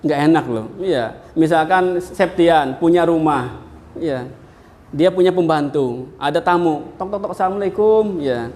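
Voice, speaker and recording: A man from Indonesia, a university lecturer, giving a classroom lecture in an animated storytelling manner, asking his students questions. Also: on the high side, measured pace. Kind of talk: classroom lecture with jokes and anecdotes.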